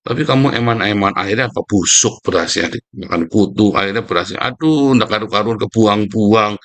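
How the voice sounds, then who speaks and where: A man preaching a casual devotional sermon, scolding and mocking his listeners in a lively way. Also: on the low side, fairly quick.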